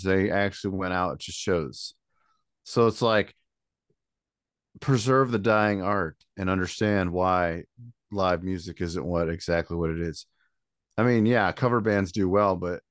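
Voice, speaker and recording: A man from Michigan talks as a guest on a podcast. His low voice stays relaxed, and he laughs often. The sound is dry and close. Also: dry recording. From Michigan, USA. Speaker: musician guest. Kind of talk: casual interview chat.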